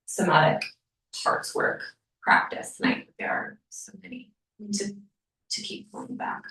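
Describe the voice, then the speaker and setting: A woman leading a somatic wellness workshop for a live group, speaking gently and often dropping to a near-whisper. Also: fairly low pitch, wildly swooping pitch, slow. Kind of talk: workshop teaching and Q&A. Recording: echoey room, mic far off.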